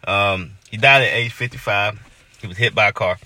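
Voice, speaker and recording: A man's voice: fairly low pitch, normal speed, pushed and bright, no room sound. A man, co-hosting a casual podcast chat, rambling with lots of fillers. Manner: laid-back, rambling with many fillers. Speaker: podcast co-host.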